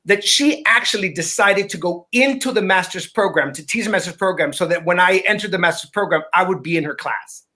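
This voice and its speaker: High, bright-voiced earnest man. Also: fairly quick, hardly any pauses. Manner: earnest, emphatic, repeats words when starting sentences. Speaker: guest. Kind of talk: conversational podcast talk.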